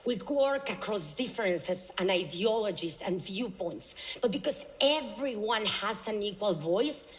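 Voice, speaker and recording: A woman delivering a prepared, inspirational stage talk in a measured way. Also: medium pitch, expressive, rough recording. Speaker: speaker.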